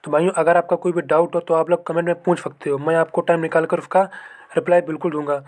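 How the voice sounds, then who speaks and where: This young exam-prep host speaks quickly and flatly, his voice on the high side with a darkish tone. As a fellow candidate he casually explains mock test scores and cut-offs, repeating points, calling viewers brothers and frequently saying "okay."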